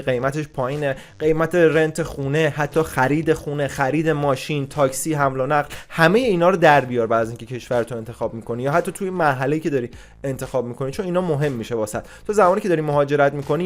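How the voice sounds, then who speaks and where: A man giving blunt, casual immigration advice, scolding and swearing at times. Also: on the high side.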